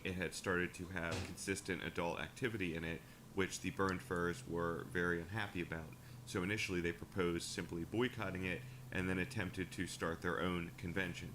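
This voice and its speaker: A man giving steady, scripted documentary narration about a fan community's history, played back from a video. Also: low voice, noisy background. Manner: steady, informative storytelling.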